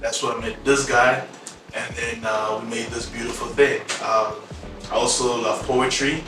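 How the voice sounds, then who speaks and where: A man from Congo co-hosting a podcast, talking in an earnest, unhurried way. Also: medium pitch, steady tone. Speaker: podcast co-host. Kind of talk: casual podcast chat. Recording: echoey room, distant mic, music behind.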